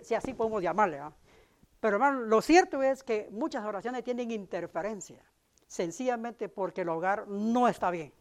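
A middle-aged man preaching a sermon as a pastor, talking conversationally and turning to the congregation with little tag questions. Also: high-pitched.

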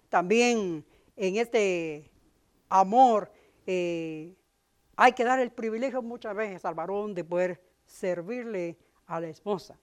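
A middle-aged man preaching a sermon as a pastor, talking conversationally and turning to the congregation with little tag questions. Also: high-pitched.

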